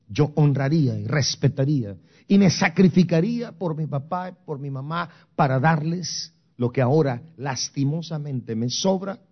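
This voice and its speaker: An older man from Guatemala with a Guatemalan accent, giving an emotional sermon testimony with dramatic storytelling that swings from loud to soft. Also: medium pitch. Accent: Guatemalan Spanish. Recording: dull lo-fi recording.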